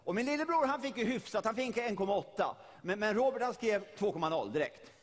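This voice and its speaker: A man's voice: high voice, expressive, big-room sound. A middle-aged man from Sweden preaching a sermon, retelling a story vividly and often repeating his words.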